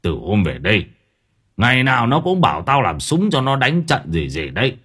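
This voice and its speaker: A man voicing a gruff old village grandfather who grumbles and scolds. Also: medium pitch, huge pitch swings, normal speed, fairly bright tone, full character voice. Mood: grumbling.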